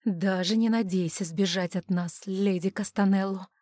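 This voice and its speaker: A woman's voice: medium pitch, fairly even intonation, normal speed, mellow, no room sound, clean studio sound, lightly acted. A woman voicing a desperate, loving husband whose voice cracks with alarm, in an audiobook. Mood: wry tenderness.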